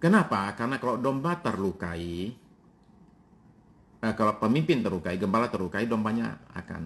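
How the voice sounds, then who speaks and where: Animated low-voiced male pastor preaching. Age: 50s. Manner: animated preaching with many pauses and fillers; addresses congregation directly, asks and answers himself. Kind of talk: sermon.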